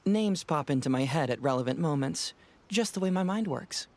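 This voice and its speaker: A sly young detective who sounds smug and knowing, drawling his lines in a lively, swinging tone. His confidence comes through in every line. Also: fairly high pitch, normal speed, slight background noise. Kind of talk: video game voice acting.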